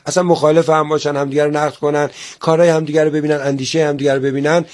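A man's voice: on the high side, level tone, a little mellow. A man speaking as a guest on a studio interview, polite and formal, who often restarts his phrases. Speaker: guest, theater organizer.

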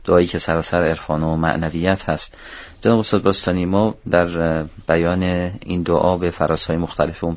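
A man hosting a religious radio programme in a formal, reverent and courteous way, speaking in a studio. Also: low voice. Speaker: radio host.

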